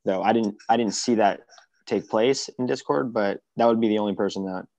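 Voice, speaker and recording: A man with a fairly low voice walks members through committee plans. He talks loosely, stopping and restarting, and the sound is dry and close. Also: creaky, a little mellow, no room sound. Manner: halting, with many restarts and fillers. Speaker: meeting presenter. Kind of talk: casual online meeting talk.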